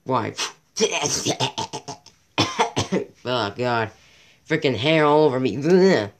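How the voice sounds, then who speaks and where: A man's voice: medium pitch, expressive, drawn-out words. A man from Canada hosting a casual home-recorded video, reading a wiki aloud in a rambling, self-interrupting way while losing his voice. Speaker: channel host.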